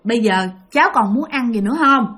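A woman's voice: fairly high pitch, animated, brisk, fairly bright tone. A woman with a Southern Vietnamese accent voicing older male workers who scold and question a possessed woman. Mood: stern coaxing.

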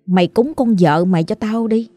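A woman voicing a sly, hungry young female ghost with a shrill, whiny, oily voice in a spoken ghost story. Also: normal speed, dark tone, dry recording, natural voice. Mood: menacing.

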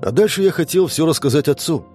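A man's voice: a little high, expressive, quick pace, a little mellow, husky, faint music behind, pitched above the performer's own voice. A man reading a storybook, voicing a withdrawn teenage boy who gives short, reluctant answers. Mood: sullen.

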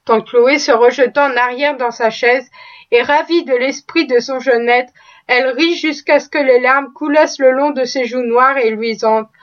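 A woman narrating an audiobook with an even storytelling delivery. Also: high-pitched, normal speed. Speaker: audiobook reader. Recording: slightly dull lo-fi recording.

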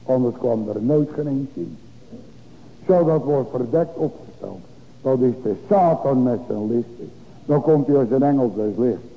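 A man, a pastor preaching a Reformed sermon to his congregation. He asks rhetorical questions and answers them, swinging between raised exclamations and quiet low drops. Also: a little slow. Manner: addresses the congregation directly. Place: church. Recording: dull lo-fi church recording with long reverb.

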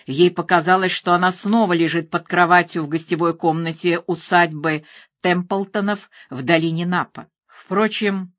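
A woman narrating a thriller audiobook in a measured, even reading. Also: on the low side, no room sound, studio quality.

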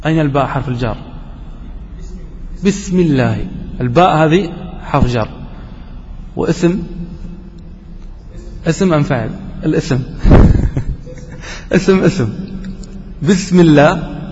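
A man teaching a classroom grammar lesson, quizzing his students and slowly repeating each example. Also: a little high, expressive, darkish tone. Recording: dull lo-fi recording with long reverb and faint noise.

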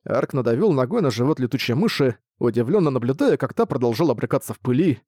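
Male narrator, audiobook, lively intonation, dry close sound. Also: mid-range voice, quick pace, no echo.

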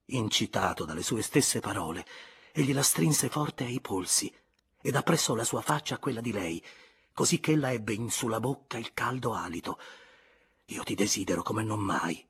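A man narrating a classic novel in a measured, expressive audiobook reading. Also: mid-range voice, slightly rough. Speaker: audiobook reader.

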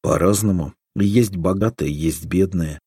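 A man doing a wry deadpan lover. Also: deep voice, unhurried, husky, no echo, studio quality, full character voice.

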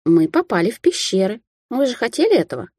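A woman's voice: on the high side, sing-song, quick pace, darkish tone, breathy edge, no echo, voice pushed up. A woman voicing a playful, cunning red-haired young witch who talks in a carefree, teasing, sing-song way.

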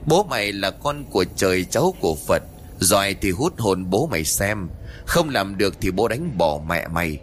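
A man's voice: sits low, big pitch swings, moderate pace, a little hiss or hum. A man doing a foul-mouthed brash young villager. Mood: taunting. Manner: shouting, taunting.

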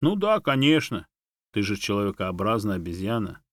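A man's voice: on the low side, lively intonation, normal speed, a little mellow, dry recording, clean studio sound, lightly acted. A man voicing a male guide dog, earnest and easily offended, who defends himself indignantly.

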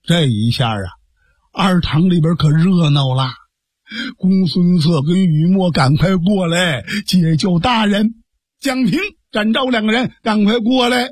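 A male storyteller with a high, husky voice narrating a traditional tale, lively and vivid with spoken sound effects. The recording is dry and close. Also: a little slow, dry recording. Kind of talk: traditional Chinese storytelling (pingshu).

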